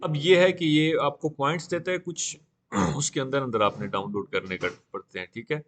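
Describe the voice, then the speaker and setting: A man teaching a live beginner class on 3D software, talking casually and often saying "okay" while he works. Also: mid-range voice, normal speed, slight background noise. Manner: casual, repeats "theek hai" often. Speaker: 3D software instructor.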